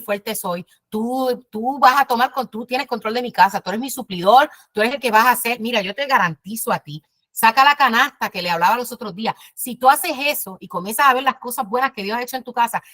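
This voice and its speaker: Woman, church teacher, earnest and direct, fairly high voice, dry sound. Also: fairly bright tone, dry recording. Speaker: women's ministry teacher.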